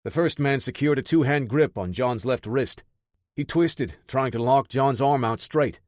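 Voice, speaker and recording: Steady male audiobook narrator. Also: mid-range voice, measured pace, dry recording, clean studio sound. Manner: steady, dramatic storytelling. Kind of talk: scripted narration.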